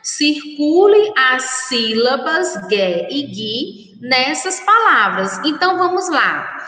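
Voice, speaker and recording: A Brazilian woman teaching young children in a recorded remote lesson, speaking slowly and patiently with a sing-song delivery. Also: sits high, sing-song, pushed and bright, echoey room, in a large hall, rough recording. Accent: Brazilian Portuguese. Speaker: primary school teacher.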